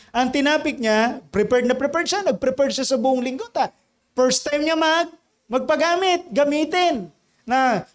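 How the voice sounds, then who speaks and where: High-voiced pastor preaching. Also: male voice. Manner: switches between Tagalog and English mid-sentence; swings from loud exhortation to hushed storytelling. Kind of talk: sermon.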